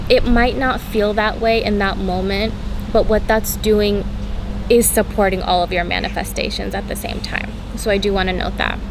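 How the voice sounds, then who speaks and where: A woman's voice: mid-range voice, noisy background. A woman raised in Turkey and the US, giving an earnest spiritual talk as a healer and vlogger, often checking in with "okay?".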